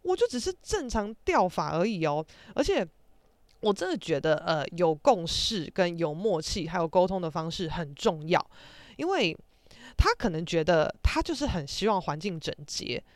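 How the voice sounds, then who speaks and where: A young woman with a Taiwanese Mandarin accent and a lowish voice hosts a podcast, ranting animatedly as she tells a casual story and swears now and then. The recording is dry.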